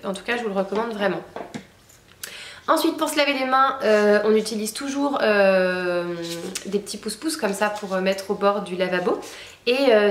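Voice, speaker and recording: A young woman talks casually in a friendly review chat, pausing often with hesitations and little fillers. Her pitch sits in an ordinary middle range. The sound has a noticeable roomy echo. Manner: chatty, with frequent hesitations and fillers. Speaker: beauty vlogger.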